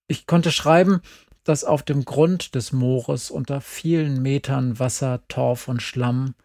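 A man reading a first-person story aloud, calm and measured. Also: medium pitch, dry recording, studio quality. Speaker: audiobook reader. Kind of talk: scripted first-person narration.

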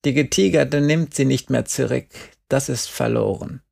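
A man voicing a stubborn, weary old farmer in an audiobook, speaking in a slow, drawn-out grumble. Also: mid-range voice, vocal fry, a little mellow. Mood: matter-of-fact. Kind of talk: audiobook character voice.

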